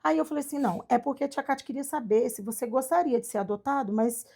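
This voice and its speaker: Brazilian woman telling a long story, kinda high voice, does all the voices. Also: quick pace, vocal fry. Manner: animated, acts out quoted dialogue. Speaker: guest, adoptive mother. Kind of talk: storytelling in casual chat.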